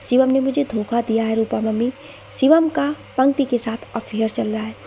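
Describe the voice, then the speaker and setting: A woman's voice: fairly high pitch, fairly even intonation, moderate pace, warm tone, slight background noise, lightly acted. A woman voicing a scheming young woman who pleads and accuses in a whiny tone. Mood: pleading.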